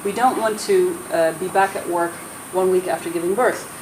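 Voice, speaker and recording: In a fairly low, steady voice at normal speed, a Dutch panelist raised in America makes her earnest, persuasive case at a roundtable, American accent and all. She restarts many times, and the room sounds echoey and noisy.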